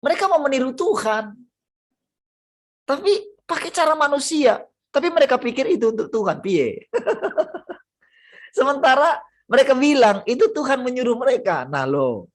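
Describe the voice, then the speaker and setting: A man preaching a sermon over a video call, animated, his voice rising high and loud for emphasis and dropping low and soft. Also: moderate pace, pauses often.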